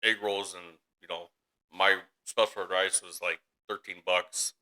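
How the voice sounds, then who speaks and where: A man co-hosts a casual podcast with his brother, telling rambling stories, laughing a lot and acting out voices in his anecdotes. His voice is low and sharp with little pitch movement, delivered at a measured pace, and the audio quality is poor.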